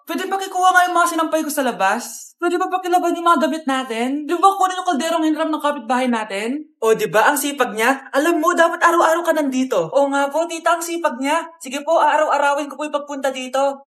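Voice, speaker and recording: A woman acting out comedic skits and playing every character herself, often breaking into shouts. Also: sits high, quick pace, echoey room.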